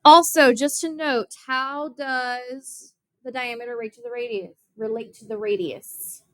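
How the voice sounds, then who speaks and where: A woman's voice: a little high, steady tone, unhurried, dry recording. A young woman math teacher giving a classroom geometry lesson, explaining step by step and often asking her students questions.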